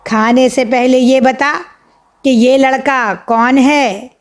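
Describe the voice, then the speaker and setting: A woman voicing a boy who plays a street magician, with slow showman patter in broken grammar. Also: high-pitched, steady tone, lightly acted. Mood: coaxing.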